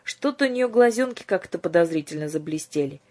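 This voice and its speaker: A woman voicing a wry, watchful male guardian angel who speaks in a teasing, dry way, with a breathy voice. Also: fairly low pitch, animated, brisk, darkish tone.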